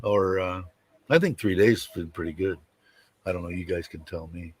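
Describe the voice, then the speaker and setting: Deep rumbling man, rambling casually. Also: moderate pace, husky. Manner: rambling, hesitant, trailing off. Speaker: host of a livestream show. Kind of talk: casual rambling livestream chat.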